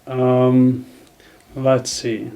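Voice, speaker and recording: Brief: slow-talking male tutor, mellow tone, halting narration over screen recording. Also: medium pitch, completely flat delivery. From Netherlands. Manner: thinking aloud, halting, many fillers. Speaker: video editing tutor.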